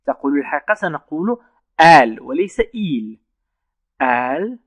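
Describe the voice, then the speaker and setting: Man slowly teaching French verbs. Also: a little high, dry recording, narrow, tinny audio. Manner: slow, repeats French phrases word by word. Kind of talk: online language lesson.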